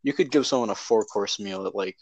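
A man's voice: lowish voice, a little fast, slightly rough, no echo, dull audio. A teenage boy co-hosting a casual podcast, laid-back and chiming in with short remarks. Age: teens. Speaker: podcast co-host. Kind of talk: casual chat.

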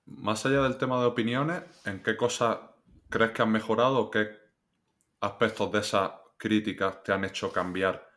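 Deep-voiced male interviewer. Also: steady tone, normal speed, a bit bright. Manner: brief backchannels, rambling questions. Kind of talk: interview questions.

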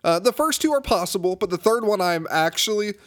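A man's voice: high-pitched, expressive, brisk, fairly bright tone. A man co-hosting a casual podcast chat, joking around and laughing often, with frequent restarts. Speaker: podcast co-host.

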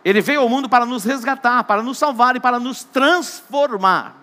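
A Brazilian pastor preaches with a high, bright, ringing voice. He tells jokes and Bible stories, swinging from quiet asides to loud, emphatic delivery. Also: normal speed. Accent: Brazilian Portuguese. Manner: joking storyteller, shifts between hushed and loud emphatic. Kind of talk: sermon.

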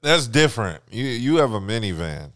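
A young adult man co-hosting a podcast in casual chat, telling stories in an animated, profane way. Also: lowish voice, moderate pace, no echo. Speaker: podcast co-host.

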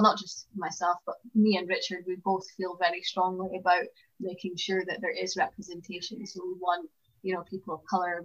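A woman's voice: fairly low pitch, a bit bright. A woman with a Scottish accent hosting a podcast interview, chatty and encouraging, with lots of fillers. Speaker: podcast host. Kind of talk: casual interview chat. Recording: slightly dull lo-fi sound.

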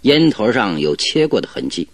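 An actor playing a confident, cheerful detective in a radio drama, explaining things in an animated, self-assured, didactic way. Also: male voice, lowish voice, moderate pace, dry recording. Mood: assured deducing. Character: Sherlock Holmes, confident, cheerful male detective explaining deductions. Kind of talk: Chinese radio drama acting.

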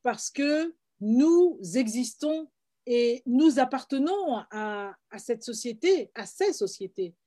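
A woman's voice: high voice, lively intonation, slow pace, warm tone. A middle-aged woman from Paris with a French accent, speaking earnestly and reflectively as an interview guest, with frequent hesitations and repeated words. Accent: French from France. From France, Paris. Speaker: guest, filmmaker and playwright. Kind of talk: personal testimony in an interview.

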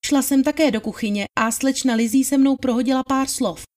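A woman's voice: high-pitched, darkish tone, voice pushed up, lightly acted. A woman reading the part of a deferential young housemaid giving witness testimony in plain, polite answers. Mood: testifying. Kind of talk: dramatized trial testimony reading.

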